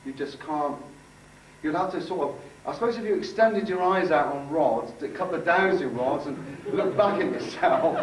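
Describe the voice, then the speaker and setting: The speaker is an aura healer leading a workshop: an informal talk with demonstration and guided visualisation for a group in an indoor room. His fairly high-pitched voice comes across halting and conversational, with phrases repeated for emphasis, captured by a distant mic in an echoey room with faint noise.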